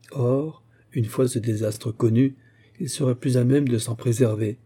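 A man reading a classic novel aloud in measured, even narration. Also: mid-range voice, slightly rough. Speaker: audiobook reader.

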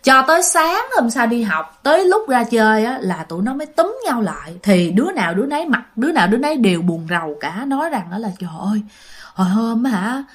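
A woman's voice: on the high side, sing-song, fast talker, hardly any pauses. A woman telling a ghost story, chatting directly to her listeners.

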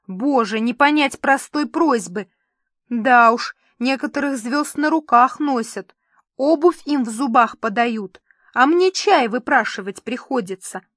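A petulant, pampered male celebrity, voiced by a woman reading a story aloud, whining and fussing theatrically. The voice sits fairly high, and the sound is close and dry with no room around it. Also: expressive, a little slow, fairly bright tone, dry recording. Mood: whiny petulant. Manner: whiny, fussy, theatrical complaining. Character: capricious whiny male TV star, pampered and petulant.

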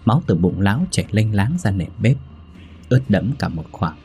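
A man narrating a dark story in a grave, measured voice. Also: on the low side, expressive, soft background music.

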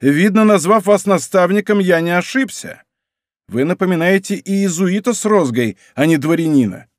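A man's voice: high voice, animated, moderate pace, dry recording, studio quality, pitched above the performer's own voice. A man voicing a scheming, hot-tempered young nobleman in an audiobook, with a raised, taunting delivery. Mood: furious. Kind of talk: audiobook character voice.

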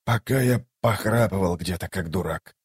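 A man's voice: lowish voice, normal speed, a little mellow, husky, dry recording, studio quality. A man voicing a weary, wary young soldier in an audiobook, muttering and grumbling in a subdued way. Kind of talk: audiobook character voice.

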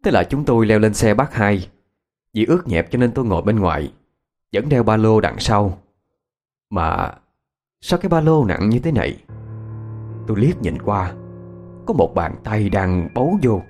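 A man's voice: on the low side, very animated, moderate pace, long pauses, darkish tone, faint music behind. Suspenseful male ghost-story narrator. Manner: dramatic, suspenseful reading.

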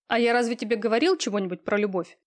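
A woman's voice: fairly high pitch, fast, lightly acted. A woman voicing a smug, cold, lazy young man in an audiobook, talking in an offhand, sneering way with coarse slang. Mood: irritated. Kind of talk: audiobook reading.

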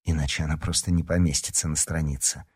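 A man's voice: a bass voice, fairly even intonation, fast, a little mellow, slightly rough. A man reading an audiobook, voicing a bossy, commanding teenage girl who edits a school paper. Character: stern young female school newspaper editor.

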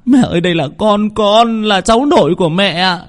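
A man's voice: sits high, brisk, voice pushed up, lightly acted. Man doing a pleading young mother. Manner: tearful pleading.

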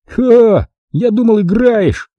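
A man's voice: high voice, very animated, normal speed, slightly rough, dry recording, highs cut off, voice pushed up, heavily acted. A man doing a cocky, mocking boy. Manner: boastful, teasing.

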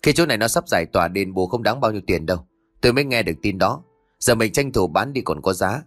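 A man's voice: lowish voice, lively intonation, fast talker, fairly bright tone, no echo, clean studio sound, soft background music. A man reading an audiobook, voicing a greedy, cruel young adult son who snarls with contempt. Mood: cajoling.

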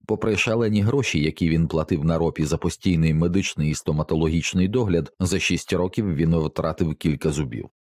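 A man narrating an audiobook in a steady, measured reading. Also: deep voice, no echo, clean studio sound. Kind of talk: scripted narration.

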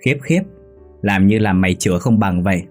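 A man's voice: deep voice, fairly quick, darkish tone, faint music behind, close to an everyday voice. A man voicing a young, hot-tempered businesswoman who is a new mother, with a raised, tearful voice. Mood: teasing. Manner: tearful, sobbing pleas.

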